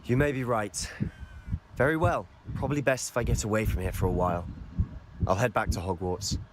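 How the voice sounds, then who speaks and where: An actor playing a hot-headed teenage wizard student in a game, intense, earnest and self-justifying. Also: male voice, fairly low pitch, steady tone, brisk, background noise, close to an everyday voice. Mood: resigned. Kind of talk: dramatic game voice acting. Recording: music behind the dialogue.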